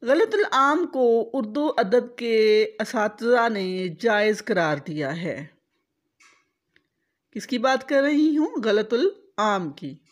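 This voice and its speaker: A woman's voice: a little high, expressive, slow pace. A woman teaching correct pronunciation, spelling out vowel marks letter by letter and repeating each word. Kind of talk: slow, deliberate instructional explanation.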